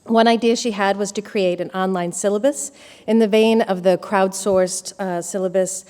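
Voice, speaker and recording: A woman's voice: mid-range voice, fairly even intonation, normal speed, dark tone, clear, resonant tone. A woman giving a short conference talk, telling its story with hesitant fillers. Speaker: conference presenter. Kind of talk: lightning talk. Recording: reverberant conference hall.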